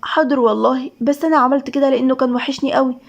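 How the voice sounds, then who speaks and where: A woman's voice: high-pitched, steady tone, rapid-fire, vocal fry, highs cut off. A woman voicing a shy, lovesick younger sister who answers apologetically, with an Egyptian accent. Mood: bashful. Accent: Egyptian Arabic. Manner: bashful, apologetic.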